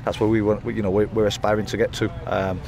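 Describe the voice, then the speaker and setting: A man in his thirties, acting as a football manager, gives a post-match interview pitchside under floodlights at night, holding a handheld mic close. His low voice has vocal fry and a level tone, running fast as he rambles, restarting often and looping through fillers and repeated words. Loud outdoor noise fills the background.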